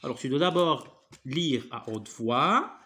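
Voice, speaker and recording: Patient, slow-speaking male French teacher. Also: medium pitch, animated, pushed and bright. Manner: patient, spells sounds out, often checks with "d'accord?". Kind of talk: one-on-one reading lesson.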